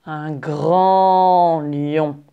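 A woman teaching French, telling a fable to learners in very clear, repetitive phrasing. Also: low-pitched, steady tone, drawn-out words, lo-fi sound. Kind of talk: slow storytelling for learners.

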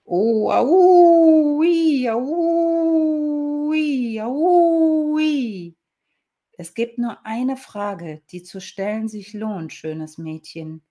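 A woman voicing a trapped, wise old male wolf who wails in pain and then speaks slow and solemn. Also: mid-range voice, darkish tone, lightly acted.

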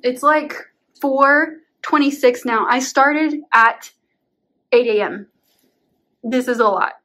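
A young woman with a slightly high voice talks casually to her camera at home, rambling with plenty of "like"s and little laughs. She sounds worn out and sometimes short of breath after a long day of painting. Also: slow, bright, forceful tone. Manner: chatty, rambling, uses "like" often, laughs between words. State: tired, out of breath at times. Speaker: vlogger. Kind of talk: casual vlog talk to camera. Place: home bedroom being painted.

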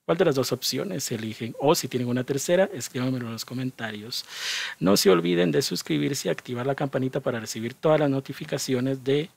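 A man's voice: mid-range voice, a little fast, creaky. Chatty man commenting to viewers. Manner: chatty, asking viewers for opinions. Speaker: commentator of a reality show.

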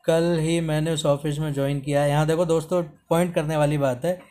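A man's voice: on the high side, level tone, fairly quick, mellow. A man telling a story in a casual vlog, reading chat messages aloud in a skeptical, indignant way. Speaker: YouTuber.

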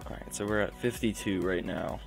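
A man's voice: deep voice, a little fast, vocal fry. A young man casually narrating his own gameplay at home, chatty and prone to interrupting himself. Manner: chatty, self-interrupting play-by-play. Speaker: gaming channel host. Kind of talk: casual game commentary. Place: home room. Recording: faint background music.

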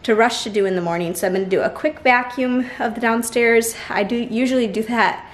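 A woman's voice: on the high side, fairly quick. A young woman in her twenties, a stay-at-home mom, narrating her day casually to a handheld camera at home. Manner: chatty, matter-of-fact, talks to her children in between. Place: home, backyard and kitchen. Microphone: handheld camera mic.

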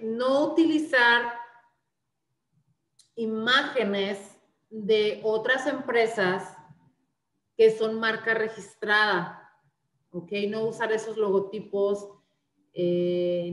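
A female instructor gives an online class presentation with slides, walking through the material step by step. Her medium-pitched voice sounds reverberant, and she often says "eh" and restarts her sentences.

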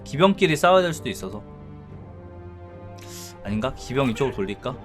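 A man streams a strategy game in an animated voice that moves up and down a lot. He thinks aloud and explains his tactics casually, with game music clearly playing behind him. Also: medium pitch, a little fast.

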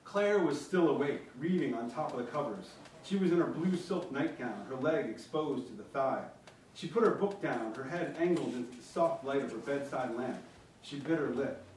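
A male author at a college event, reading his own fiction aloud in a measured, wry way. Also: medium pitch, animated, darkish tone, a little hiss or hum. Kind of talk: literary reading. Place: college lecture room. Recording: very echoey room, mic far off.

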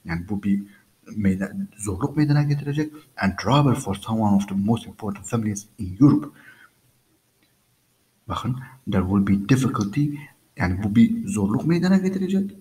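A man's voice: lowish voice, lively intonation, fast, mellow, low-quality recording. A man teaching English by reading a story aloud and explaining each line patiently, repeating phrases and speaking to listeners as friends.

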